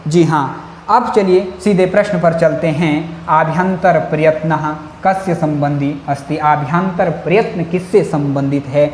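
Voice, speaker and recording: A male Sanskrit teacher giving an exam-prep lecture, repeating points and often saying "jī hā̃" as he goes. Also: fairly high pitch. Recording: echoey room with faint noise.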